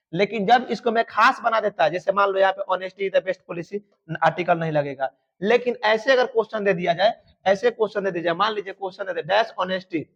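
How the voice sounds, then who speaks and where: A man's voice: high-pitched, a bit bright. A man teaching an exam-prep grammar lesson, emphatic and repetitive, fondly addressing his students. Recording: dull lo-fi sound.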